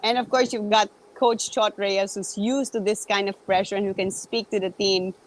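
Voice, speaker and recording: A woman co-hosting a sports talk show, asking lively questions and slipping Tagalog words into English. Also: mid-range voice, normal speed, poor audio. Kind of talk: hosting an interview.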